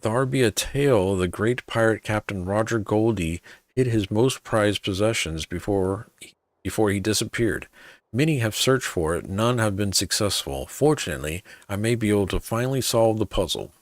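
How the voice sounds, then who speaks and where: A man voicing a gruff, wily old pirate sailor in archaic seafaring dialect for a video game quest. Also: fairly low pitch, animated, moderate pace, no room sound. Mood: secretive.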